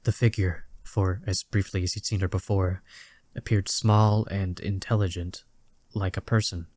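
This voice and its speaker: Scripted dramatic fiction is narrated by a man whose low voice holds steady, with measured, literary phrasing. The recording is close and dry.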